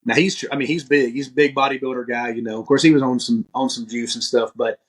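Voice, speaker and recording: A man talks quickly as a podcast guest, recounting his experiences in an easygoing, conversational way. He is a lively storyteller who slips into the voices of the people he quotes, and his pitch sits at an ordinary middle level. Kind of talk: casual interview storytelling.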